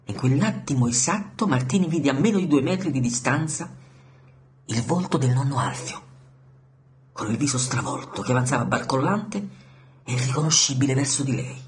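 A man reading a novel aloud in a measured, soft narration that sometimes drops near a whisper. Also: mid-range voice, lively intonation, slight background noise. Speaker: audiobook reader. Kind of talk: scripted literary narration.

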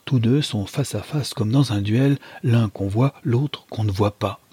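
A man reading a novel aloud as a dramatic first-person narration, measured and gripping. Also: medium pitch, dark tone, slightly rough, no room sound. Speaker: audiobook reader.

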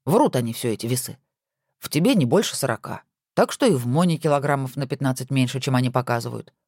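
Audiobook husband, bantering and grumbly, low and mellow, read by a woman. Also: lively intonation, fast, breathy edge, no room sound, studio quality, full character voice. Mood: teasing. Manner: bantering, mock-grumpy. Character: teasing grumbling adult husband.

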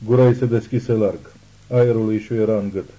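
Deep, dark-voiced male audiobook narrator. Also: fairly even intonation, poor audio. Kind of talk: scripted narration.

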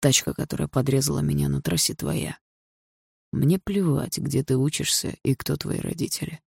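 A woman reading an audiobook, voicing a hoarse, cold young man who speaks slowly and quietly with menace. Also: a bass voice, steady tone, no echo, clean studio sound, heavily acted. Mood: menacing. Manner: slow, quiet and threatening.

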